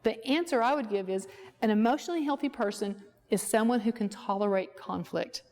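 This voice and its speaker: A woman's voice: fairly high pitch, fairly quick, a little mellow. A woman therapist presenting a workshop, talking conversationally and telling stories from her practice. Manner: conversational, storytelling, acts out quoted dialogue. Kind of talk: lecture with personal anecdotes. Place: workshop at a ranch.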